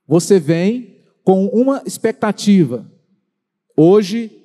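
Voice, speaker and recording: A Brazilian pastor preaches in a high, dark-toned voice. He stretches out key words and puts direct questions to his listeners. His voice rings with the long reverb of a large church hall. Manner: preaching with slow, drawn-out emphasis and direct questions to the congregation. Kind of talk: sermon. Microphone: handheld or stand microphone.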